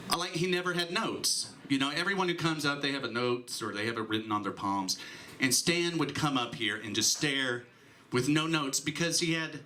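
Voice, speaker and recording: A man on a comedy club stage gives a loose, rambling stand-up tribute into a handheld mic. His voice is bright and forward, at a middling pitch for a man. He keeps undercutting himself with jokes as he goes. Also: slight background noise. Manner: rambling, self-deprecating, joking.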